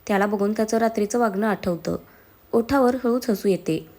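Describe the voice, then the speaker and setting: A woman's voice: mid-range voice, normal speed, darkish tone. A woman reading a family story aloud as storyteller, doing every character herself. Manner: reads all characters herself. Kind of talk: story narration.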